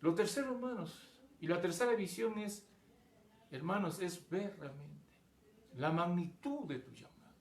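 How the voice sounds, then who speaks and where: A male pastor delivers a sermon in a gravelly, slightly high voice. He repeats words and keeps addressing his listeners as brothers. The sound rings in an echoey church room. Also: a little slow, slight background noise.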